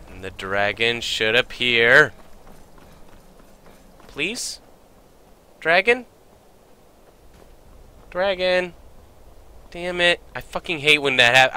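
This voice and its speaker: A man giving live gameplay commentary as a streamer, joking and swearing, with sudden shouted outbursts. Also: medium pitch, clean tone. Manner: excitable and profane, jumping into shouted outbursts; playful mock-ritual joking.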